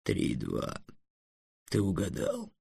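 A man voicing a grumpy, gloomy old male dragon in an audiobook, with a deep gravelly drawl and slow brooding delivery. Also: wildly swooping pitch, mellow, dry recording, studio quality, heavily acted. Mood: grumbling. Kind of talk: audiobook character voice.

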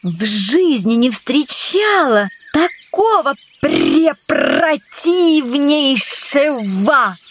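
Young girl, high and lilting, slow careful politeness, woman actor; light music bed. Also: huge pitch swings, heavily acted. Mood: polite.

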